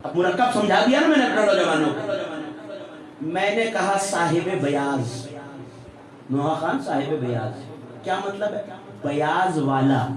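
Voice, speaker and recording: High-voiced preacher in an echoing hall. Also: male voice, far from the mic. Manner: rhetorical questions to the congregation, swinging between hushed and shouted delivery. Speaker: religious scholar giving a mourning sermon. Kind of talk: Muharram majlis sermon. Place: large prayer hall with a gathered congregation. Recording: echoey hall, voice from afar, crowd. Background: congregation responding.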